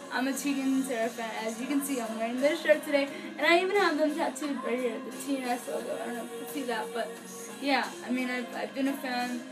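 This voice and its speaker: A high-pitched young adult woman vlogs to a camera or webcam a few feet away, giving an earnest fan review of an album in a casual, unscripted way. She's indoors in a small furnished bedroom, and the audio is poor.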